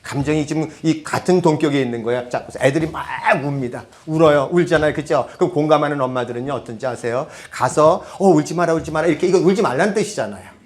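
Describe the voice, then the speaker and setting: A man's voice: a little high, quick pace, hardly any pauses. A man giving a public lecture on parenting, speaking conversationally and often asking the audience rhetorical questions. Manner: switches to half-banmal, conversational asides.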